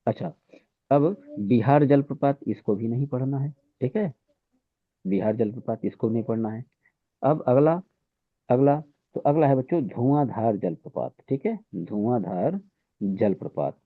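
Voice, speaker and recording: In an exam-prep lesson, a man drills facts for his students and says "theek hai" after every point, over and over. His mid-range voice is animated and unhurried, with no room sound, though the audio is tinny and phone-like.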